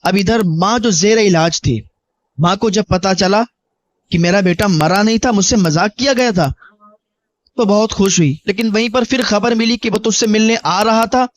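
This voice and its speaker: High-voiced male preacher telling a cautionary tale. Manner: earnest, exhorting, acts out dialogue. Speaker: Islamic preacher. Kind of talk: sermon storytelling.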